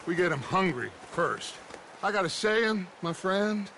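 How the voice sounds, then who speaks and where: An actor playing a theatrical American outlaw gang leader in a video game, pompous, oratorical and mocking. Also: male voice, high-pitched, big pitch swings, measured pace, creaky, bright, forceful tone, slight background noise, full character voice.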